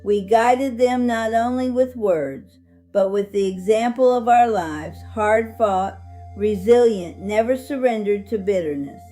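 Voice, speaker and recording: A woman voicing a dignified, hopeful 101-year-old survivor, narrating her life story in a solemn, earnest, measured way over music. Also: a little high, dark tone, lightly acted. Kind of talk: scripted first-person life-story narration.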